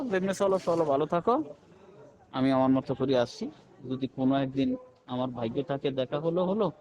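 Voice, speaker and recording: Rambling, pleading man. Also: a little high. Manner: rambling, pleading, repeats himself. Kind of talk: personal voice message.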